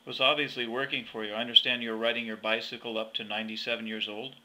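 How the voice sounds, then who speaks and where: A man's voice: medium pitch, flat delivery, racing, bright, forceful tone, low-quality recording. A man interviewing someone in a conversational style.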